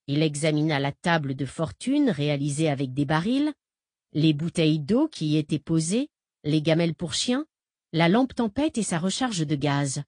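Woman audiobook narrator, measured, low voice, dry booth sound. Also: a little mellow, no room sound. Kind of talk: scripted narration.

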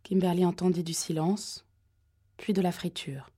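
A woman reading a thriller audiobook in a measured, suspenseful way. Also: lowish voice, fairly even intonation, dark tone, husky. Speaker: audiobook narrator. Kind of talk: scripted narration.

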